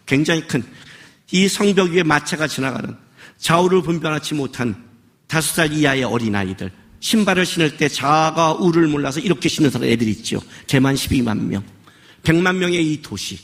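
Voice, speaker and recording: A man preaching as a pastor, scolding and firing off rhetorical questions. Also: a little high. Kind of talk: sermon. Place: worship service.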